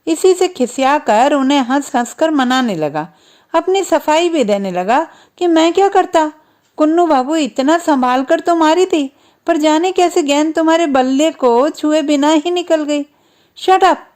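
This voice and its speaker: Woman storyteller, high voice, earnest first-person boy narration. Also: expressive, measured pace, darkish tone.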